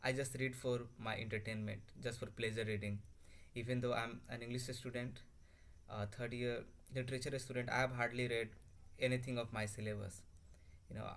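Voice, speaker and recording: A young man from Bihar in India, native in Hindi or Bhojpuri, talks casually and unscripted to his laptop camera as a language learner vlogger, with plenty of fillers and restarts. His mid-range voice is fairly bright, and the laptop mic adds faint background ambience plus a little hiss or hum.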